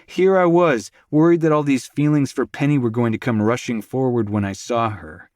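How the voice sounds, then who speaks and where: A man's voice: mid-range voice, moderate pace, a little mellow, no room sound, clean studio sound. Man narrating a romance audiobook. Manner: candid, swearing inner monologue.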